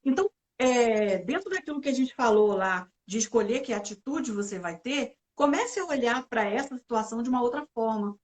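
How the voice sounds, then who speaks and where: A woman psychologist talking through emotional health in a relaxed church conversation, explaining step by step with frequent tag questions. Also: a little high, moderate pace, hardly any pauses. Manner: explanatory, many filler "né"s, acts out complaints.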